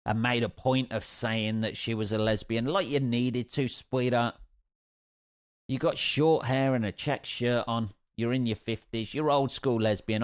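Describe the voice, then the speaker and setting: A mid-range male voice belongs to a young comedian from Northampton, England, casually telling a sweary, meandering story with jokey asides on his own podcast. The recording is dry and studio quality.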